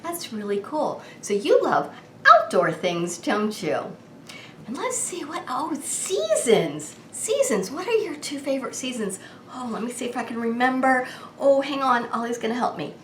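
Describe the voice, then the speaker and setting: A woman's voice: sits high, sing-song, moderate pace. A woman hosting a children's birthday greeting with exaggerated, sing-song party enthusiasm, asking questions and answering as if the child had replied. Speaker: children's show host. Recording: echoey room with faint background noise.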